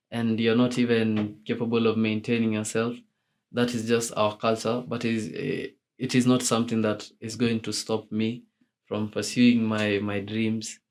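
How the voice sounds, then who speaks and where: A young man from Kenya answering radio interview questions about his music, with many fillers and restarts. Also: lowish voice. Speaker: musician guest.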